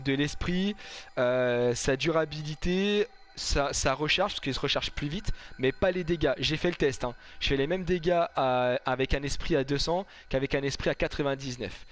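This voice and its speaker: Higher-voiced man, casual game commentary. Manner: informal, slangy, chatty. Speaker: gaming video host.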